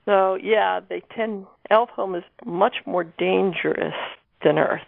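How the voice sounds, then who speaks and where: A woman author being interviewed talks casually about her own novel in a medium-pitched, creaky voice at a slow pace. The recording has no echo and comes through a narrow, phone-like line.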